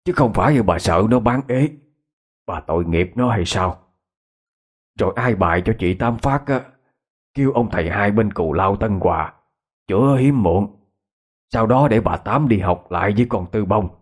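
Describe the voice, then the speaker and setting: Narrator voices an older father, gentle and worried; low, husky and halting. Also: animated. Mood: reproachful. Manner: hesitant, coaxing, stammering.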